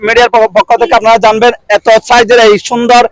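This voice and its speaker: A male field reporter speaks in a high voice with a Chattogram Bangladeshi accent. His delivery is quick and eager, yet halting, with repeated words as he presents and asks questions on location. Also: completely flat delivery, low-quality recording. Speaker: reporter for a local online channel. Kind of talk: on-location market report with interviews. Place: outdoor cattle market.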